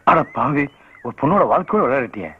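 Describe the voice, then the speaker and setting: A fast, excitable village man. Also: fairly high pitch, vocal fry, a little hiss or hum. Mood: scolding. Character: bossy excitable village man, scolding sidekick. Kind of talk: 1990s film comedy acting. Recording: dull old film soundtrack.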